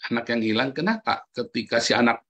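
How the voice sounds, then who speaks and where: A husky-voiced pastor delivers a lively, fast sermon to his congregation, full of energy. His pitch leaps upward whenever he presses a point, and he keeps calling out "saudara" and turning to listeners with direct questions.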